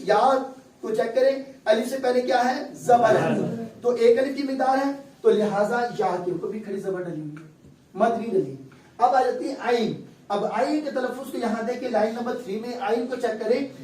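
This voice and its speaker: A man's voice: extremely high pitch, a little mellow, roomy sound, distant mic, poor audio. A male teacher giving a classroom lesson on Quran recitation, explaining step by step and quizzing his students.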